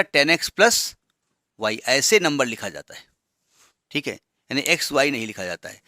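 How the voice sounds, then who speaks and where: A man's voice: fairly high pitch, pushed and bright, no room sound, clean studio sound. A man teaching a maths lesson, explaining step by step with asides and rhetorical questions. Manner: reads English problem text slowly and deliberately.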